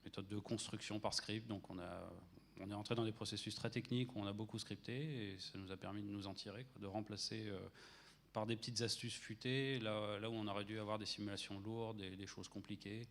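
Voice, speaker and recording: A man speaks in a lowish, noticeably creaky voice. He tells of his technical work at a conference in a colloquial, wry and anecdotal manner. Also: steady tone, fairly quick, slight background noise. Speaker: visual effects professional, conference speaker. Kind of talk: informal conference talk.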